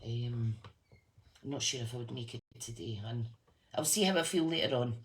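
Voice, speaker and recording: A woman's voice: rumbling low, moderate pace. A woman from the west of Scotland with a Fife accent, chatting casually and informally to viewers as a craft demonstrator and team leader. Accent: Fife, Scottish. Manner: chatty, informal, addresses listeners as guys. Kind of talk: casual live chat to viewers. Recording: clearly noisy room recording.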